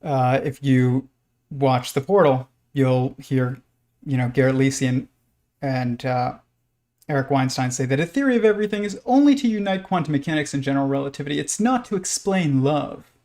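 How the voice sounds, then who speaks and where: A man hosting a casual livestream in a halting, rambling way, with pet lizards scratching in the background. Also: medium pitch, a little mellow. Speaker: live stream host.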